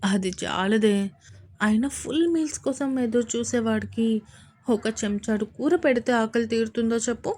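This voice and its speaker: A woman voicing a young husband who teases his wife playfully and then speaks tenderly, her voice dropped low. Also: normal speed, darkish tone, close to an everyday voice. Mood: teasing. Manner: playful, coaxing, husky-toned.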